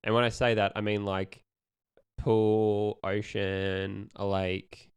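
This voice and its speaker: A man's voice: on the low side, flat delivery, slow, clean tone, no echo. A young man co-hosting a casual podcast, rambling with lots of ums and restarts as he asks questions. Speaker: podcast co-host asking questions. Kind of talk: casual chat.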